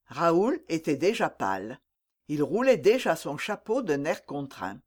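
A reader narrating a classic novel as an audiobook in a measured, even storytelling manner. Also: medium pitch.

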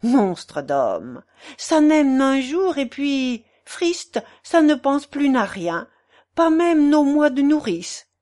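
Woman putting on a shrill meddling concierge. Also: very animated, takes it slowly, warm tone, full character voice. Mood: coaxing. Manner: shrill, wheedling, theatrical. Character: gossipy, meddling middle-aged Parisian concierge woman.

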